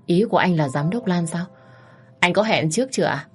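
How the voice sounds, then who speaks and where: A woman's voice: on the low side, animated, brisk, husky. A woman voicing a polite female receptionist who asks formal questions. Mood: puzzled.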